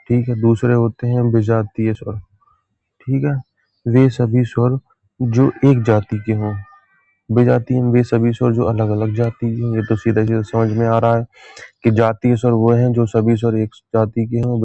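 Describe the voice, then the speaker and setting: A man teaches an exam-prep grammar lesson in a steady, level voice with little rise and fall. He keeps checking in and repeats his main points as questions. The sound is dry and a little dull, with hardly any room echo. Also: lowish voice. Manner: repeats key points as questions, often says "ठीक है".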